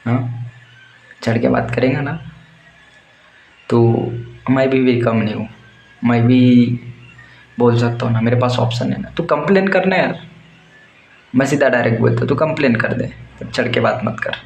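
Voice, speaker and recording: Pausing often at a moderate pace, a young man with a mid-range voice gives casual, crude, heated advice about life. He is a warehouse worker, and the recording has roomy echo plus faint background noise.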